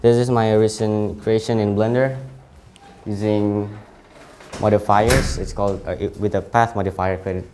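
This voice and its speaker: Against a noisy background, a late-teen Indonesian man speaks in a fairly low, level voice. A native speaker with an Indonesian accent, he walks through his CV informally, his delivery halting and full of self-corrections.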